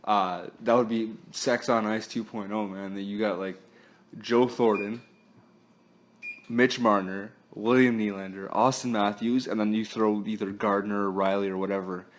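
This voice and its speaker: A man's voice: fairly low pitch, steady tone, normal speed. A man hosting a casual sports talk podcast, chatty and easygoing, laughing often and using plenty of fillers. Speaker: podcast host.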